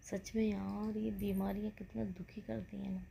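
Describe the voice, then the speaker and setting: A woman's voice: medium pitch, level tone, normal speed, gravelly, mellow, slight background noise. A woman in her thirties chatting casually to her viewers, unwell and rambling, sometimes dropping to a whisper. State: unwell with joint pain. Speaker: vlogger. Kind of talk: casual vlog chat.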